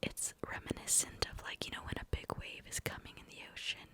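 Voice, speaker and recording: A young adult woman telling a personal story as an ASMR ramble in a cupped-hand whisper, close to the mic, rambling and repeating words. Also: a little fast. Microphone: close to the mic, mouth cupped by hand.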